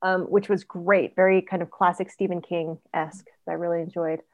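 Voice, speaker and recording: Chatty animated woman guest. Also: lowish voice, dry recording, highs cut off. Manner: animated storyteller, quick asides, frequent ums. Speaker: author guest. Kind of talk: casual interview chat.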